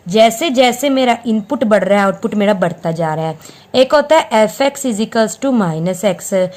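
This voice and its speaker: A woman's voice: mid-range voice, a little mellow. A woman teaching a maths lesson, patiently explaining graphs, repeating her points and answering her own questions, mixing Hindi with English maths terms. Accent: Hindi-English mix with English maths terms.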